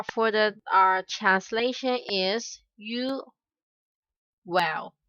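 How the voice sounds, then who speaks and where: This grammar lesson comes from a young woman tutor from Hong Kong who grew up speaking Cantonese. Her delivery is very slow and halting, full of "uh"s and careful repeats of example phrases, in a medium-pitched, bright voice. The take is dull, dry and slightly lo-fi, with no room sound.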